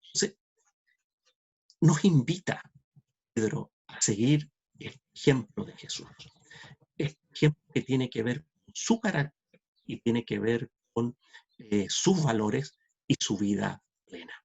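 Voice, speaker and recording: A man pastor preaching a sermon, heartfelt and earnest, sometimes dropping to a soft hush and quietly acting out the voices of the people he quotes. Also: medium pitch, expressive, slow, creaky, long pauses, breathy edge. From Chile.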